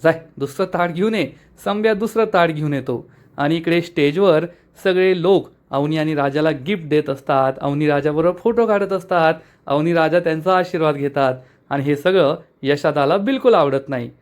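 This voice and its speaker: A man recapping a TV serial episode as a story, lively and reading out the characters' lines himself. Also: on the high side, normal speed. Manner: lively, reads dialogue aloud.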